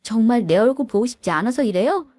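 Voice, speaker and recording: A woman's voice: on the high side, expressive, fast talker, dry recording, voice pushed up. A woman playing an outraged young husband. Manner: outraged, shouting. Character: angry young husband confronting his mother. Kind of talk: dramatized story reading.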